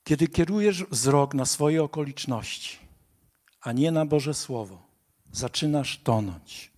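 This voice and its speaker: Slow, earnest male preacher. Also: fairly high pitch, darkish tone. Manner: earnest, rising to emphatic appeals to the congregation. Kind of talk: sermon.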